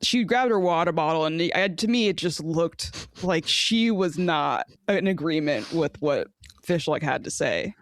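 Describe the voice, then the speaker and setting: A woman's voice: deep voice, expressive, a little slow, no echo, studio quality. A woman co-hosting a casual sports podcast, blunt and frustrated, swearing and laughing as she talks. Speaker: podcast co-host.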